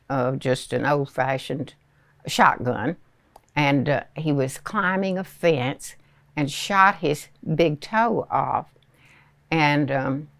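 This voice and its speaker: Very old southern lady in her 90s telling old memories, low gravelly voice, lots of pauses. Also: no room sound. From rural Arkansas, United States. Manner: hesitant, unhurried storytelling with pauses. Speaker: elderly interviewee recalling childhood. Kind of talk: reminiscing oral history.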